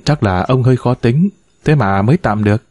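A man voicing a feisty, sharp-tongued woman near thirty who bickers and teases, in a read-aloud story. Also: mid-range voice, no echo, lightly acted. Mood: bantering. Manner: brash, quick to bicker and tease.

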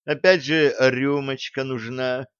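A timid, fussy male scientist , put on by a male audiobook reader, who talks in a higher, hesitant, apologetic voice. The recording is dry and a bit dull. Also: steady tone, takes it slowly, a bit bright, clear, resonant tone, dry recording.

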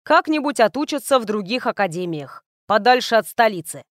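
A woman voicing a calm, indifferent male bodyguard of the ruler. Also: a little high, brisk, no echo, clean studio sound.

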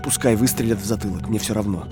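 An actor playing a weary male clerk in his late thirties, speaking slowly and brooding, in an audio drama. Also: on the low side, over music, natural voice. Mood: reckless. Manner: slow, brooding, growing defiant.

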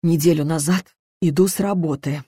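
A woman's voice: sits low, fairly even intonation, moderate pace, dark tone, breathy edge, no echo, studio quality. A woman voicing a frightened, tearful older housekeeper who talks in plain folk sayings and sighs a lot. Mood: anxious, chatty.

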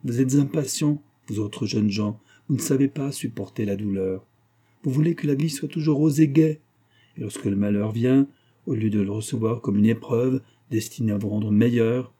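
A man voicing an old female servant, stern and pious, speaking in a grave, hushed, admonishing way. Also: mid-range voice, lightly acted.

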